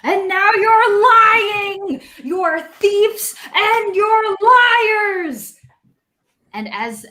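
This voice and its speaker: A woman narrating as dungeon master in an unhurried, descriptive way, with small self-corrections. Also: medium pitch, fairly bright tone. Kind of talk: narrating a tabletop game. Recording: echoey room.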